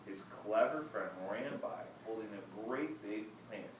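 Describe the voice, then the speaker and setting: A man reads a children's story aloud at a gentle, measured pace, with a medium-pitched voice. He is recorded from a distance in a strongly echoing room, with clear background noise throughout. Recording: echoey room, distant mic, noisy.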